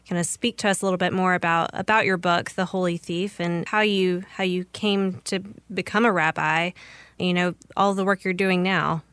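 Woman, interviewer, smooth voice, dry sound, casual questioning. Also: on the low side, fairly even intonation, normal speed, a bit bright, dry recording. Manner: casual, fillers while asking.

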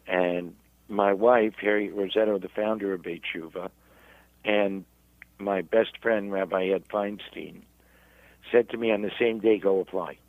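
Low-voiced rabbi on a tinny phone line. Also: male voice, steady tone, no room sound. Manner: halting, repeats words while searching. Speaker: rabbi and guest. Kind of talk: storytelling in a radio interview.

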